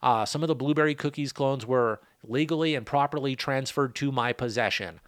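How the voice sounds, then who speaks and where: A man's voice: medium pitch, fairly quick, no room sound, studio quality. A middle-aged man hosting a podcast in a casual, rambling chat, full of loose asides and jokes. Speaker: podcast host, cannabis grower.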